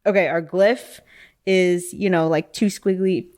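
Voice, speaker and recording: A woman with a somewhat low voice co-hosts a casual podcast. She reads astrology passages aloud, then stops to muse on them, dropping in plenty of fillers like "um" and "like.". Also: fairly even intonation, unhurried, darkish tone. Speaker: podcast co-host. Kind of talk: casual chat, reading aloud from an astrology book.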